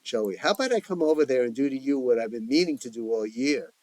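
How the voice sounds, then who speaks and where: A man voicing a gruff, quick-tempered father who argues with his family in an audio story. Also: medium pitch, expressive, darkish tone, no echo, lightly acted. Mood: combative. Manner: blustering, combative.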